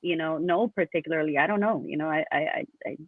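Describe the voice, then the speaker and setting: A woman's voice: sits low, quick pace, dry recording. A woman hosting an interview, gushing with praise for her guest and thinking aloud through many restarts. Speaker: host. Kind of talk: casual interview chat. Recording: dry, tinny phone line.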